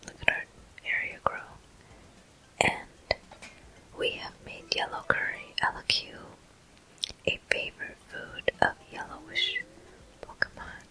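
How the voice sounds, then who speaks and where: Murmuring softly, gently, and without hurry, a woman comments on gameplay as the host of an ASMR-style video. The recording is rough.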